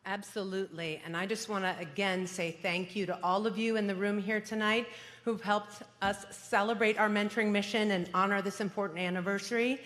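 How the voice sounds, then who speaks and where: A woman hosts a charity gala and makes upbeat, thankful announcements to the room. Her mid-pitched voice trails into a long ballroom reverb. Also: steady tone, brisk, fairly bright tone. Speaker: event host for a charity. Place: large hotel ballroom gala.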